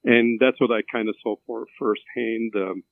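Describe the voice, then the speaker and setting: A man in his fifties with an Albanian accent, a neurosurgeon answering interview questions in a halting way with many fillers and restarts. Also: on the low side, steady tone, creaky, no echo. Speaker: neurosurgeon guest. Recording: tinny phone-like line, dry.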